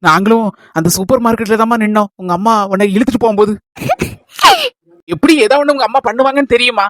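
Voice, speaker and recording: A woman acting a motherly village woman in a comedy skit, with a Kanyakumari Tamil accent, calmly explaining. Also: fairly high pitch, fast talker, no echo, lightly acted. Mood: coaxing. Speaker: skit actress.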